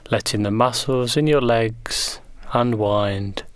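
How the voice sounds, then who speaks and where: A man leading a guided progressive muscle relaxation in slow, gentle, soothing instructions. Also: medium pitch, clear, resonant tone, no echo.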